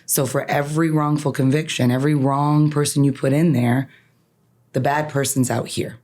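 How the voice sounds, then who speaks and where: Sitting low with a darkish tone, her voice moves at normal speed with fairly even intonation. She is an attorney, Canadian-raised and a native Farsi speaker, reflecting personally as a podcast guest; her manner is earnest and emphatic, and she often ends points with "right?"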